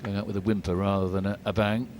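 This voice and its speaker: A man with a low voice calls live golf in a measured, understated manner. He talks conversationally as lead commentator, with faint noise and outdoor ambience behind him. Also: flat delivery.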